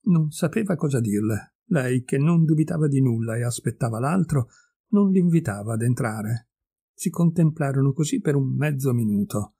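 A man reading a classic short story aloud, measured and expressive. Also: medium pitch, creaky, breathy edge. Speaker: audiobook reader. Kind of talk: literary reading.

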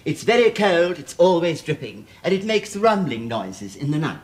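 A man's voice: on the high side, big pitch swings, normal speed. A middle-aged man playing a prissy, pompous man of letters with an upper-class English accent and fussily polite, flowery speech in a TV sketch. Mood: fussy, polite. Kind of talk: 1970s TV sketch comedy acting. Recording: old studio TV, faint noise.

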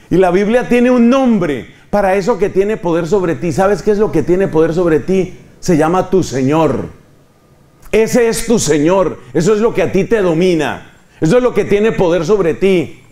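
Impassioned male preacher, raised voice. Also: sits high. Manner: impassioned, rising to near shouts on key lines. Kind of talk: sermon.

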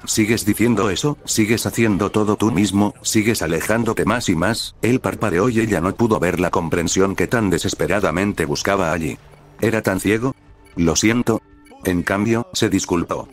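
A man reading story narration aloud in a steady, even way. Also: sits low. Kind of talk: scripted fan fiction narration.

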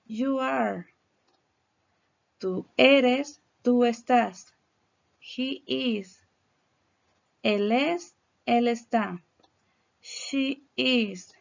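Slow, gravelly Mexican woman teacher. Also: fairly high pitch, dull audio. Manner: slow, patient, explaining in Spanish and modeling English words. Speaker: English teacher. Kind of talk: recorded classroom lesson on slides.

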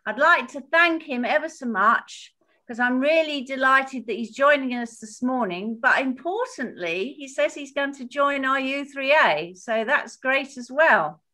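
A woman's voice: high voice, lively intonation, unhurried, bright, forceful tone. An older woman giving an informal welcome as host of a meeting. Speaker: host of a members' group meeting. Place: living room indoors. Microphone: webcam, video call.

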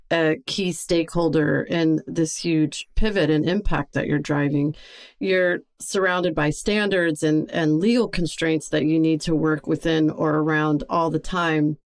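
Low-voiced American woman moderating. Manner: friendly, conversational questioning. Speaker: panel moderator. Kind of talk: moderating a panel discussion.

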